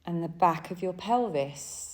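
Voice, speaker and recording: A woman leads yoga nidra relaxation in a lowish, expressive voice, soothing and gentle, with pauses falling between her brief phrases.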